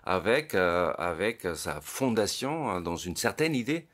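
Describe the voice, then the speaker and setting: A psychologist in his late fifties, appearing as a guest in an interview, thinks aloud in reflective talk, often tripping over small repeated words while reaching for his next phrase. His voice is low and a bit bright, with big swings in pitch and a measured pace.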